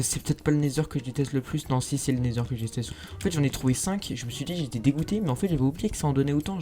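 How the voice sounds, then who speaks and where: A man's voice: medium pitch, dark tone. A young man, chatting casually to viewers while playing a survival game, self-mocking and talkative. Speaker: gaming youtuber. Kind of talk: casual let's play commentary.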